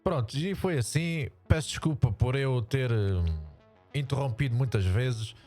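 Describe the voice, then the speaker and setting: A man's voice: unhurried, darkish tone, faint music behind. A man with a European Portuguese accent, his voice run through a voice changer, talking casually to viewers in a rambling way with many restarts. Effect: voice changer, pitched down. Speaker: YouTuber reacting to a sports show.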